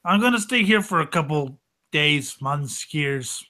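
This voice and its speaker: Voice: mid-range voice, animated, unhurried, bright, forceful tone. Joking tabletop game player. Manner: laughing, joking, stumbling restarts.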